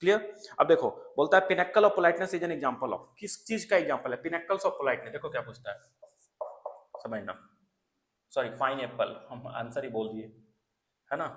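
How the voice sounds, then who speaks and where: A man's voice: mid-range voice, animated, moderate pace, long pauses, reverberant. A man giving an exam coaching lecture, repeating key terms and checking in with students often. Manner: repetitive, checks in with "है ना" and "clear". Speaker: exam prep teacher.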